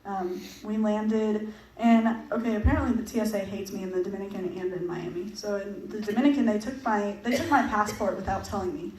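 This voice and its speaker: Her mid-range voice holds a steady tone and a darkish quality as she speaks quickly, barely pausing. The young woman chats to a church audience about her mission trip, laughing often and relying on fillers, captured from afar in an echoey hall with faint noise.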